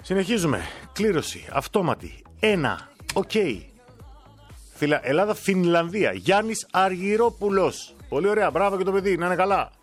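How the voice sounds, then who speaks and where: A man's voice: sits high, big pitch swings, faint music behind. A man hosting a casual live-stream prize draw, reading winners' names aloud with joking asides. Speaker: host drawing giveaway winners.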